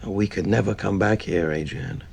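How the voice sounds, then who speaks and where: A man's voice: lowish voice, moderate pace, creaky, darkish tone, a little hiss or hum. An actor playing a troubled, evasive man, subdued and hesitant, in a television drama. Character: troubled, evasive man talking to his girlfriend.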